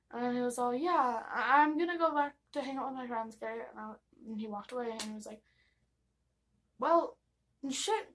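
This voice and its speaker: A young woman with an American accent and a fairly high voice shares a casual, confessional storytime. Her delivery is gossipy and giggly, rambling along and slipping into quoted dialogue like she is confiding in friends. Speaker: vlogger telling personal stories.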